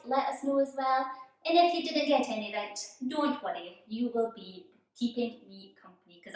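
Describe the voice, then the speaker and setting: Female children's show presenter, encouraging and chatty with young viewers; fairly high voice recorded from a distance in a very reverberant room. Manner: encouraging kids-show host delivery with questions to viewers. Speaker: children's church show host. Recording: very echoey room, distant microphone.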